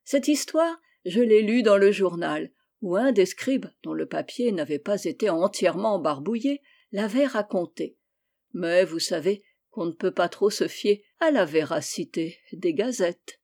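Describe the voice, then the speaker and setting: Mellow-voiced woman reading a fairy tale. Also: medium pitch, unhurried. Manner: calm, even storytelling. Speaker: volunteer audiobook reader. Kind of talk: storybook narration.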